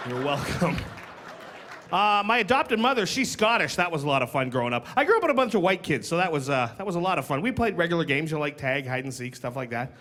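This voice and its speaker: A man on stage doing stand-up, his voice a bit higher than most and full of swoops as he tells his jokes. A loud crowd laughs around him and the live room is noisy, so every line rides over chatter and laughter. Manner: animated, jumps into high put-on voices for others. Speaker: stand-up comedian. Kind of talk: stand-up comedy set.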